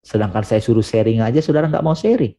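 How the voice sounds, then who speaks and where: A man's voice: fast talker, warm tone. Earnest preacher man on a video call. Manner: earnest and emphatic, rising to urgent questions then dropping low. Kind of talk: sermon.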